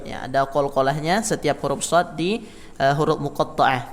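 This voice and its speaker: A man's voice: fairly high pitch, moderate pace, big-room sound, noisy background. A man teaching a Quran recitation class in a mosque, counting the group in and demonstrating how letters are read. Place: mosque hall. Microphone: microphone in a hall.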